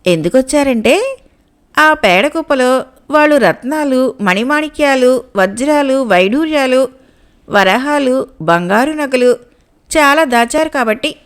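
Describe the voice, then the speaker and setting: A woman's voice: high voice, animated, a little slow, clean tone. A woman reading as a knowing sea maiden. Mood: knowing, scornful. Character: sharp-tongued female sea maiden, young, knowing. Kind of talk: storybook reading.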